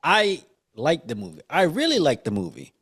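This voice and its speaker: A man's voice: fairly high pitch, huge pitch swings, normal speed, gravelly, fairly bright tone, slightly rough. A man hosting a casual movie podcast, chatting informally with a teasing, salty-tongued manner. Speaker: podcast host.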